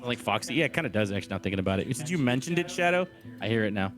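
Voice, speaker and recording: A man's voice: medium pitch, expressive, racing, over music. A man playing a co-op game with friends, jokey, dropping in mock pirate growls. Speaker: co-op player. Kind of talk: casual gaming chat.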